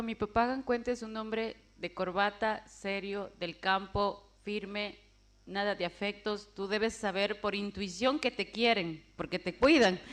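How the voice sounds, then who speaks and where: A woman telling her personal testimony as a vivid story, acting out the voices of the people in it. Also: medium pitch. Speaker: testimony speaker.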